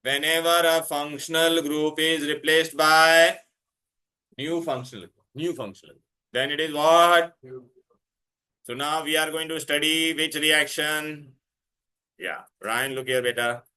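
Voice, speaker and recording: Indian male classroom teacher, higher-pitched and forceful, repetitive questioning, some Hindi mixed in. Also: fairly even intonation, measured pace. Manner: insistent, repeating himself and questioning students; mixes Hindi words into English. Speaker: chemistry teacher.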